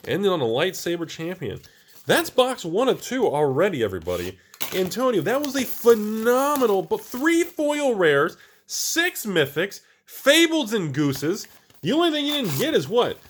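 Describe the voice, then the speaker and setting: A high-voiced man hosts his channel at a normal speed, rambling casually while opening card packs and exclaiming often. He's animated, restarts his sentences, and the recording carries a little hiss or hum.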